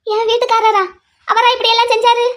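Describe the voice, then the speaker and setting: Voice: extremely high pitch, flat delivery, brisk, fairly bright tone. A piping, almost childlike squeal carries this frantic cartoon aunt. She wails and begs in a thin, level tone. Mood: shocked. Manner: wailing, begging. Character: distraught middle-aged aunt, wife of a villain. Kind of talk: cartoon voice acting.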